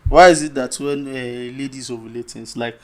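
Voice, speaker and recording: A man, chatting on a podcast panel, halting as he searches for words. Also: mid-range voice, a crowd in the background. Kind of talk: casual chat.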